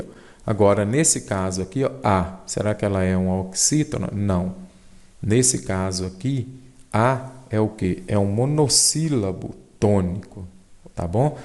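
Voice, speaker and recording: A man's voice: fairly low pitch, a little mellow. A Brazilian man teaching an exam-prep grammar lesson, explaining step by step and checking in with his students.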